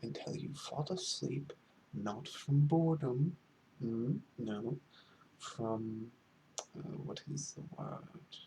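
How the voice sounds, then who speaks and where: An ASMR role-play of a fussy, condescending librarian acted by a man. He speaks slowly and haltingly in a breathy half-soft voice that breaks into creak, with pompous, wordy phrasing. Faint hiss sits behind the voice. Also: mid-range voice. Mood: halting, grandiose. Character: pretentious, fussy male librarian, condescending yet needy.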